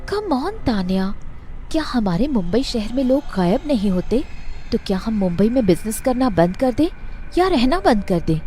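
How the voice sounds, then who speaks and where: A woman's voice: fairly high pitch, very animated, mellow, faint music behind. Misha, a woman playing a breezy young woman. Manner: brisk, mildly mocking. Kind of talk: audio drama voice acting.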